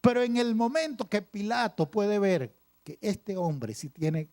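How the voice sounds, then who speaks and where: High-voiced preaching pastor. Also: male voice, animated, darkish tone. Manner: preaching with dramatic pauses and repetition. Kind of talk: sermon.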